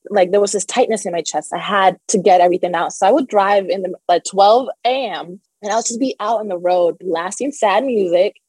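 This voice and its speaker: A woman's voice: medium pitch, fairly quick, few pauses, darkish tone, breathy edge, no echo, low-quality recording. A young adult woman telling her personal story as an interview guest, open and emotional, with a nervous laugh now and then.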